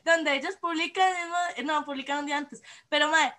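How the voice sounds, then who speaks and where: A woman's voice: high voice, fairly even intonation, fast, pushed and bright. A Costa Rican woman chatting casually as a podcast co-host, playful and dramatic, mixing Spanish and English in Spanglish. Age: 30s. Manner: Spanglish, switching between Spanish and English mid-talk. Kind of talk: casual chat.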